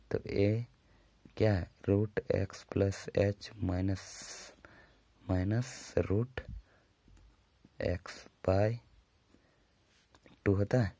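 A man teaching a maths lesson at a whiteboard. He dictates formulas slowly and drawn out, with brisk asides to his students. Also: lowish voice, vocal fry, warm tone, dry recording.

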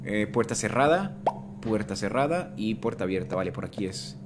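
A man from Colombia with a Mexican-sounding Spanish accent, commentating a live game stream and greeting his chat, prone to sudden excited shouts. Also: lowish voice, normal speed, background noise. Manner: excitable, bursts into shouts at scares. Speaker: gaming streamer.

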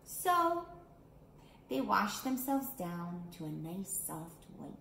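In a small indoor room with a roomy echo and clear background noise, a middle-aged woman reads a picture book to young kids. She's an art studio teacher with a mid-range, fairly bright voice, very animated but slow-paced. Her wording stays simple and clear, and she asks the children questions.

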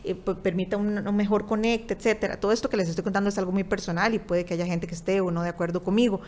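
A woman's voice: mid-range voice, steady tone, fast, a little mellow. A woman in her thirties with a Costa Rican accent, a guest in an interview, telling a personal story and acting out the dialogue in it. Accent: Costa Rican Spanish. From Costa Rica.

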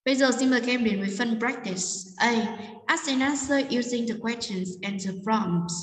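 Woman English teacher, slow careful reading of examples, distant mic with long reverb. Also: on the high side. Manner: explains in Vietnamese, reads English slowly. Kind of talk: classroom lesson narration. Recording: echoey roomy, distant from mic.

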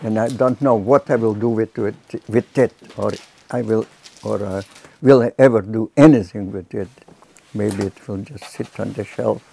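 A man in his nineties from Lithuania with a Lithuanian accent, telling his life story haltingly with many restarts, seated in a cluttered workshop. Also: fairly low pitch, gravelly, warm tone, a little hiss or hum. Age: 90s. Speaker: filmmaker recounting his life. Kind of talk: reflective storytelling. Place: cluttered workshop indoors, small room.

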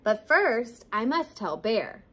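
A woman voicing an eager tiny ladybug in a storybook read-aloud, with high squealing calls. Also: sing-song, slow pace, bright, forceful tone, husky, full character voice. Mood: excited.

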